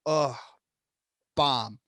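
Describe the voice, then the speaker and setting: A man's voice: mid-range voice, very slow, bright, forceful tone, dry recording, clean studio sound. A young man co-hosting a podcast in casual chat, blunt and profane, joking about food and sports. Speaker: podcast co-host.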